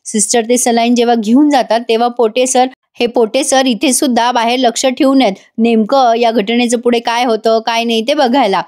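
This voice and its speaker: A woman's voice: fairly high pitch, normal speed, few pauses. A woman giving a chatty spoken recap of a serial episode, voicing each character herself with a Marathi accent. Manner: lively, shifts into the characters' lines with mild emotion; chatty asides straight to the viewers.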